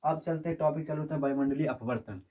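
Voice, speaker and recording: Recorded from a distance with narrow, tinny audio, a man with a slightly high voice rushes through a physics lesson. He repeatedly quizzes the students and checks that they understand.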